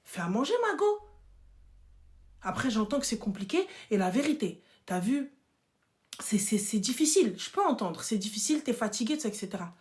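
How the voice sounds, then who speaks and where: A woman hosting a casual live chat, playful and teasing, swinging between loud outbursts and hushed whispers. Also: fairly high pitch, sing-song, moderate pace. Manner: playful, teasing, mixes French with Arabic. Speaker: live stream host.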